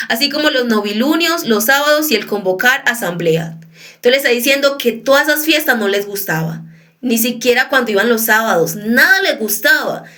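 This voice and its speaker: A woman preaching in a relaxed, conversational sermon. Her voice sits a little high for a woman. She keeps turning to her listeners with quick questions as she explains. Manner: conversational teaching, often checks in with listeners.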